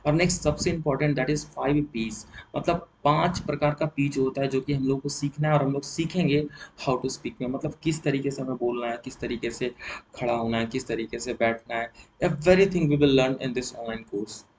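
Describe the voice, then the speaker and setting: A man's voice: mid-range voice, normal speed, a little mellow, slight background noise, poor audio. A man with an Indian accent teaching a spoken English course in a lesson, explaining step by step, switching between Hindi and English and repeating key points.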